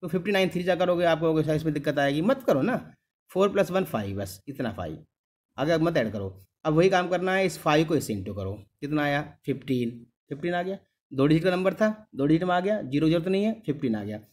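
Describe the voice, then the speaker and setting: A middle-aged man teaches maths in a patient, repeating way, checking often that his students follow. His voice sits a little high and swings widely in pitch, rising and falling from phrase to phrase. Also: animated, fast talker, darkish tone. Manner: calls the students "beta", keeps asking "clear?"; patient, repeats each step. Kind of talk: classroom lesson.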